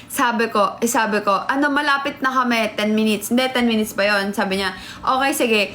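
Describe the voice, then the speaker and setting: A young woman vlogger telling a story in casual chat, animated and laughing, acting out what people said. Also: fairly high pitch, brisk. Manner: animated, laughing, acts out quotes.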